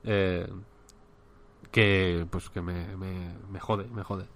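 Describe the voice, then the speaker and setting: A man's voice: deep voice, level tone, extremely slow. A man with a Spanish accent, co-hosting a casual chat and rambling with many restarts. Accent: Spain. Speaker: podcast co-host.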